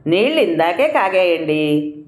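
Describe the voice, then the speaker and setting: A harried housewife who pushes back against every complaint with weary exasperation, as a woman narrator plays her. Her pitch moves in lively swings. The reading has a roomy echo. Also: measured pace. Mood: exasperated. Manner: defensive, pleading, exasperated. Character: busy patient housewife and mother.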